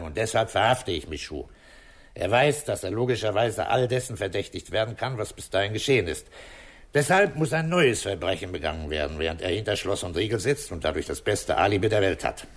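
An actor with a lowish voice plays a methodical, calm police commissioner in a 1960s German radio crime drama. He explains things in a deliberate, authoritative way.

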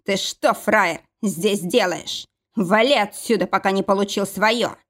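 A woman voicing a hulking young male thug who growls slow, menacing threats. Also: mid-range voice, lightly acted.

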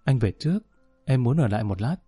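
A man's voice: mid-range voice, lively intonation, fast talker, warm tone, husky, soft background music. A man reading the lines of a despairing, sensitive young woman in an audiobook, bitter and self-pitying.

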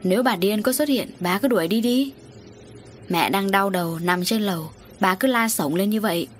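A woman voicing an older father who is gruff and scolding, with an exasperated manner. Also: mid-range voice, normal speed, soft background music, lightly acted. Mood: irritated.

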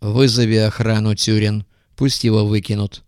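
Man reading as a curt, gruff boss. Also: fairly low pitch, flat delivery, normal speed, darkish tone, no echo, studio quality, close to an everyday voice. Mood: commanding. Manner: curt, commanding.

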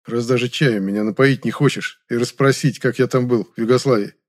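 A man's voice: mid-range voice, fairly even intonation, brisk, lightly acted. A male audiobook reader voicing the young first-person hero with dry, sarcastic remarks. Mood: sardonic. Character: young man, the narrator's hero, sardonic.

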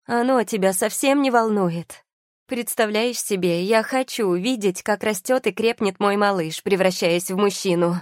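Reading an audiobook, a woman voices a betrayed young wife who shouts and trembles with fury, pitching her mid-range voice above her own yet close to an everyday voice. She speaks at a moderate pace, and the studio sound is clean with no echo.

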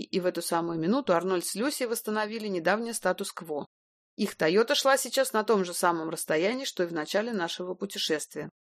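A woman reading a first-person detective novel aloud in a brisk, wry, even narrating manner. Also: medium pitch, no room sound, studio quality. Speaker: audiobook narrator.

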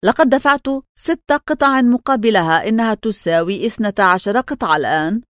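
A greedy tavern keeper haggles in a grasping way, as a woman narrator acts him out. His lines move with lively pitch. The recording is close and dry. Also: brisk, no echo, lightly acted. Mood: haggling.

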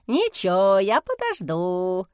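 A grumpy, stern male swamp spirit for an audiobook tale, read by a woman. He grumbles gruffly and slowly, low in his throat. The sound is close and dry. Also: wildly swooping pitch, a little mellow, no echo. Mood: sly.

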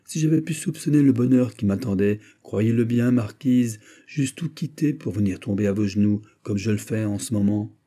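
Brief: gallant male nobleman suitor, read by a man, ardent courtly pleading, husky voice. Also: on the low side, moderate pace, hardly any pauses, warm tone, close to an everyday voice.

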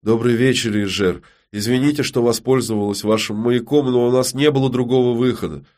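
A man's voice: medium pitch, fairly even intonation, darkish tone, voice pushed up, close to an everyday voice. A man voicing a young woman witch who speaks politely but firmly. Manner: polite, measured.

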